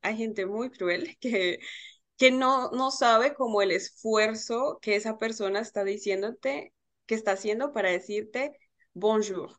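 Lively woman guest, animated storyteller. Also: on the high side, unhurried. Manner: lively, acting out quoted exchanges with laughter. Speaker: podcast guest. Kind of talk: casual conversation.

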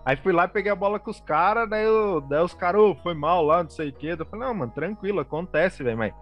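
A man from Brazil chatting casually on a podcast and adding his side of the story. His voice sits on the high side and his talk is relaxed and full of slang. Light music plays faintly behind him. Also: fast, highs cut off. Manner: laid-back, slangy, says "velho" and "mano". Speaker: podcast co-host.

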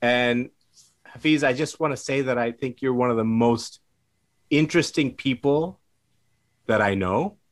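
A man hosting a podcast interview, who asks questions in a warm, enthusiastic way and often repeats himself. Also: medium pitch, unhurried, long pauses. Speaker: podcast host. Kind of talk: interview conversation.

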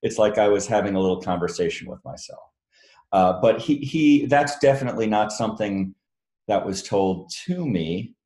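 A man, an author, chatting casually with a book club over a video call, relaxed and quick to laugh. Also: on the low side, roomy sound. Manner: relaxed, chatty, laughs easily, many fillers.

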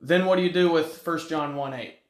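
A man's voice: on the high side, fairly quick, echoey room. A man co-hosting a podcast, pushing back with pointed, puzzled questions. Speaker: podcast co-host. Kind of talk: casual podcast discussion.

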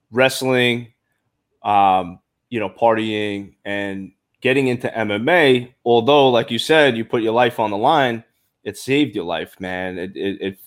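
A man with a thick Brooklyn accent, hosting a podcast and chatting casually in a sports interview. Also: lowish voice. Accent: Brooklyn, New York. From Brooklyn, New York. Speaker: podcast host.

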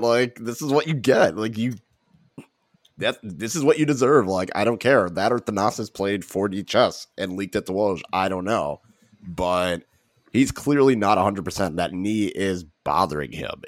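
A man's voice: deep voice, dry recording, clean studio sound. A man in casual sports chat as a podcast panelist, blunt and slangy.

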